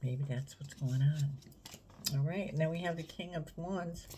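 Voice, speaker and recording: Mellow-voiced woman giving a tarot reading. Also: deep voice, a little hiss or hum. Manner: unhurried, musing, talks straight to the viewer. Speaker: tarot reader. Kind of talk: casual tarot reading to camera.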